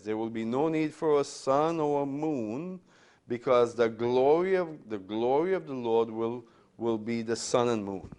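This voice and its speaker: The voice is a man's, mid-range and a little mellow. He's an older pastor from Trinidad leading a class through the Bible in a chatty style, frequently checking in with "right?" and repeating his words.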